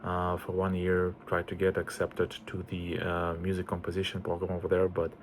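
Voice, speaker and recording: Low-voiced hesitant man. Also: monotone, normal speed, a little hiss or hum. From Estonia. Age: 40s. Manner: hesitant, many fillers and restarts. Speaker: composer introducing himself. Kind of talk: casual self-introduction.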